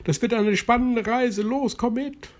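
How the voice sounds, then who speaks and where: Excited water drop, played by a man, pitched way up, bedtime story. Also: unhurried. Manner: excited, urging.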